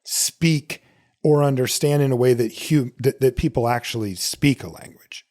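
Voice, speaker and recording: The speaker is a middle-aged podcast host from the United States whose mid-range, somewhat dark voice holds a moderate pace. Talking alone in a laid-back way, he handles listener questions and tells stories from his life.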